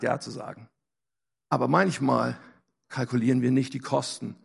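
A man's voice: mid-range voice, creaky, slightly rough. A man preaching a sermon, emphatic, repeating key phrases and asking rhetorical questions. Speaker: pastor.

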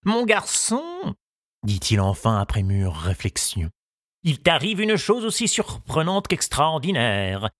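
A man voicing a kindly, wise old male gardener in an audiobook, musing slowly and confidingly. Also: on the high side, wildly swooping pitch, fairly bright tone, dry recording, clean studio sound, voice pushed up, full character voice. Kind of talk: audiobook character reading.

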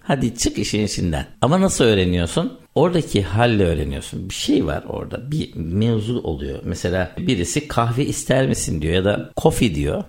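A man talks in a relaxed conversation, his low voice rough with gravel. His delivery swings up and down as he tells anecdotes and works through examples. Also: a little fast, few pauses. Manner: animated storytelling with examples. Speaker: conversation leader on language learning. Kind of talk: casual conversational explanation.

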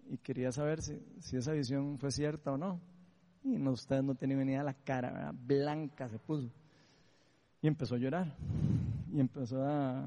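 A man's voice: mid-range voice, vocal fry, dark tone, big-room sound, highs cut off. A man with a Costa Rican accent preaching a sermon testimony, telling a story and often asking the listeners for agreement.

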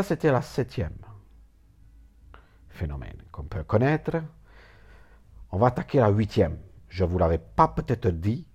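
A man's voice: on the low side, a little mellow, husky. A man giving a comic mock lecture, rambling, repeating words and stumbling playfully over them.

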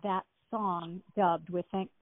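Over a tinny, phone-like line with no room sound, a woman speaks slowly in a lowish, steady voice. She's an actress being interviewed casually, and her answers ramble chattily with plenty of fillers and false starts.

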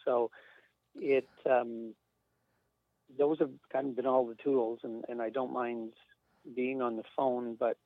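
A male guest, an industry sales rep, chats casually at a slow pace with long pauses, his medium-pitched voice fairly even in intonation. He rambles with fillers and light chuckles. The sound is dry and tinny like a phone line, with no room sound.

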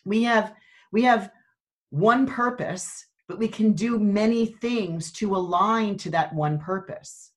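A woman in her sixties, a coach appearing as a podcast guest, reflects earnestly on purpose in a casual spiritual conversation. Her mid-range voice moves slowly, and she often restarts her sentences.

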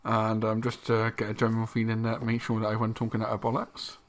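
A man's voice: on the low side, monotone, quick pace. Man, dry wit, casual podcast co-host, um-heavy speech. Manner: dry humour, filler-heavy. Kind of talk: casual chat.

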